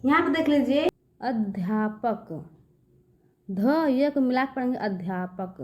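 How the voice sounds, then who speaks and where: High-voiced woman teaching children to read. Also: lively intonation, reverberant, dull audio. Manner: patient, repeats words slowly and addresses children often. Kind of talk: children's reading lesson.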